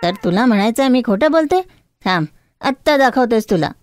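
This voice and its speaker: A woman's voice: on the high side, animated, brisk, a little mellow, faint music behind, lightly acted. A woman voicing a harsh, scheming older mother-in-law in a cartoon story, scolding and taunting as she gives orders.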